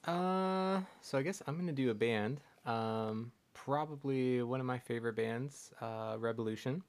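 A man chatting casually as a podcast guest, relaxed, with many fillers. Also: mid-range voice, clean tone. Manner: relaxed, fillers, quick bursts. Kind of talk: casual chat.

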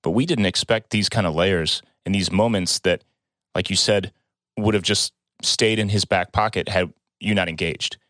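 A man's voice: deep voice, moderate pace, fairly bright tone, dry recording, studio quality. A man co-hosting a podcast, talking reflectively in a casual chat. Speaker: podcast co-host.

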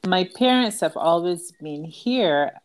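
A woman's voice: on the low side, animated, slow, clean tone. A woman with a Barbadian accent, a book author telling her life story earnestly as a guest in an interview. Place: outdoors at night with crickets. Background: crickets.

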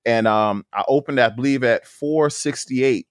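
A man's voice: mid-range voice, a little slow, no echo, clean studio sound. A man in his forties, a guest powerlifter telling stories in a casual podcast chat and acting out the dialogue. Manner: lively storyteller who acts out the dialogue in his stories.

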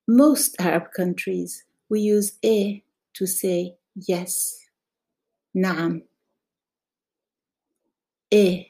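A woman giving an explanatory language lesson as a teacher, speaking deliberately in short phrases with pauses. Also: lowish voice, dark tone, slightly rough.

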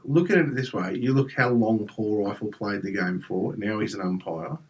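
An Australian man co-hosting a casual cricket podcast, throwing in quick jokes. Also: lowish voice. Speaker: podcast co-host. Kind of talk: casual chat. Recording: slightly distant mic.

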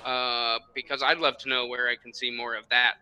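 A man's voice: mid-range voice, flat delivery, moderate pace, sharp tone, slight background noise, rough recording. A man voicing an eager male fan who talks in a fawning, hesitant way.

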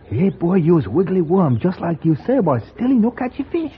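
A man's voice: high-pitched, sing-song, moderate pace. A man playing an eager manservant in a radio western, speaking pidgin English. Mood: earnest, wistful. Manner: pidgin English with dropped words. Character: eager Chinese manservant and fisherman, broken English. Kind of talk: old-time radio western acting. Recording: tinny, faintly noisy vintage radio recording.

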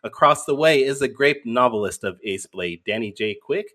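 A man's voice: mid-range voice, lively intonation, normal speed, sharp tone. A man hosting a podcast, announcing the show like a showman ringmaster in a rehearsed intro. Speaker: podcast host.

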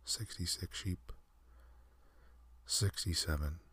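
A man telling a calm ASMR sleep story, counting in a soft, half-whispered, unhurried way. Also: sits low, breathy edge.

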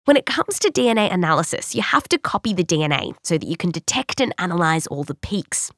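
A woman's voice: on the low side, very animated, quick pace, no room sound, studio quality. A woman with an Australian accent narrating a scripted science documentary in a conversational storytelling way, leaning on key words. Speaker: host and narrator.

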